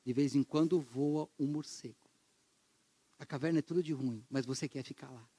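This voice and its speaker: A middle-aged Brazilian man preaching a sermon as pastor, animated, acting out quoted complaints and dropping to a hushed voice for emphasis. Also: normal speed, husky, dry recording. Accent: Brazilian Portuguese. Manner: animated, acts out quoted complaints with sudden pitch jumps; drops to a hushed low voice for emphasis.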